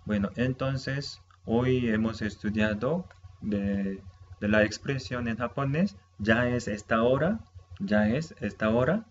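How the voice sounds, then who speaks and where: A man whose first language is Japanese, teaching a slow language lesson in Spanish. He talks patiently, repeating each word and checking in with the listener. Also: medium pitch. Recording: slightly dull with faint ambient noise.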